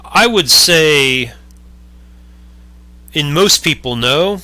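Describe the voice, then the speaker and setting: Bright-voiced man musing aloud. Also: on the high side, expressive, extremely slow, no room sound. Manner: musing, thinks aloud in long winding sentences. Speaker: channel host. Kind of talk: casual conversation over a video call. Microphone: webcam on a mic arm at home.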